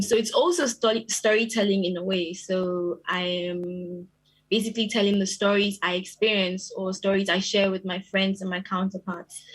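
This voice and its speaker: Woman with a husky voice, visual artist, halting panel answer. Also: mid-range voice, poor audio. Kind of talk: panel talk.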